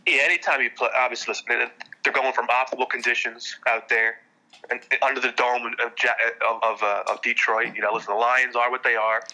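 A man's voice: mid-range voice, little pitch movement, a little fast, sharp tone, rough recording. A man co-hosting a sports podcast, chatting casually with frequent stammered restarts. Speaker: podcast co-host.

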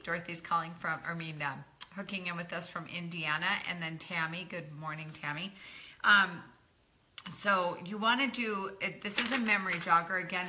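A middle-aged network marketing coach runs a live training session, chatty and encouraging as she greets viewers by name. Her fairly low voice is pushed and bright, and a little croaky from talking so much.

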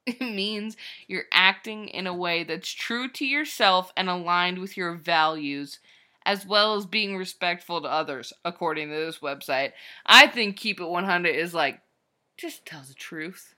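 A woman's voice: lowish voice, a little slow, pushed and bright. A woman co-hosting a podcast, chatting casually, laughing often. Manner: chatty, laughs often, tired and sighing at times. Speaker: podcast co-host. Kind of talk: casual chat.

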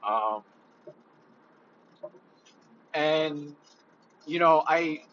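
Slow, halting man with a bright voice. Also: fairly high pitch, lo-fi sound, a little hiss or hum. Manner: hesitant, halting, heavy on fillers. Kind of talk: casual reflective monologue.

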